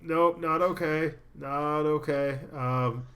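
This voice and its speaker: A man's voice: on the high side, fairly even intonation, a bit bright, voice pushed up. A man voicing a clumsy, injured male guide who whines and groans in self-pity. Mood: pleading. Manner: whiny, groaning, slow.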